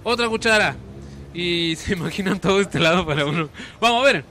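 A man in his thirties presents lively on-location TV from a hotel kitchen and the street outside, handheld mic in hand, with traffic and street ambience behind him. His Ecuadorian Spanish accent colors a high, slightly fast, bright and forceful voice. He's playful and coaxing, often repeating words.

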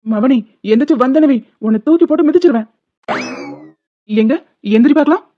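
A bickering young husband in a cartoon whines and threatens by turns, voiced high by a woman. The sound is narrow and tinny, like it came down a phone line. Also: fairly quick, lightly acted. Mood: pleading. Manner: pleading and cocky by turns, threatening. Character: bickering young husband, sprawled on a broken bed.

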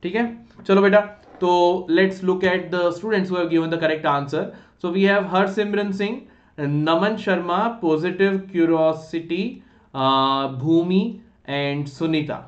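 Higher-pitched Indian male teacher, roomy sound. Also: normal speed. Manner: instructive, often checking that students follow. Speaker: online maths teacher. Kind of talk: live online lesson explanation, mixing English with Hindi. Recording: roomy echo, slightly dull sound.

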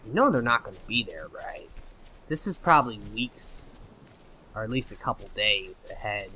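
A young man doing let's play commentary, excitable and swearing at the game, his voice going hoarse. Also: fairly low pitch, normal speed, a little hiss or hum. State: losing his voice. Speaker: gaming channel host.

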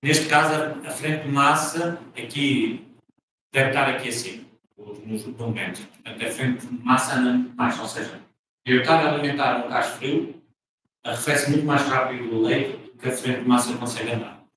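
A man's voice: medium pitch, moderate pace, bright, forceful tone, a little hiss or hum. A man from Portugal with a European Portuguese accent, giving an academic seminar talk and often restarting his phrases as he thinks aloud. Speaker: guest lecturer. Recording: echoey room, from far off.

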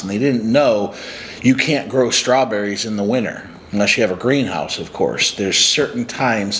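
A life coach and channel host in his forties, from upstate New York, sits on a couch in a small room and talks casually to a close-up camera. He speaks earnestly, reflectively and motivationally in a lowish, fairly bright voice, and the low-quality recording carries a little hiss or hum.

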